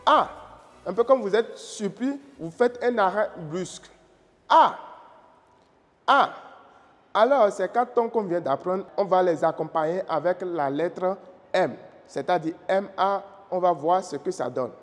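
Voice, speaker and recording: A high-voiced man from Africa, a Mandarin teacher who hosts a channel, speaks at normal speed through a slow explanatory lesson with tone demonstrations. He patiently explains, repeats key phrases, and checks that learners understand. The room is reverberant, with faint music behind him.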